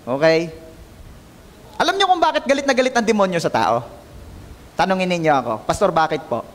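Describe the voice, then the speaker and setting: A man's voice: sits high, fairly quick. Man, pastor, sermon, calls on the congregation, long church echo. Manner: lively, calls out to the congregation for responses; mixes English into Filipino. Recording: long hall reverb.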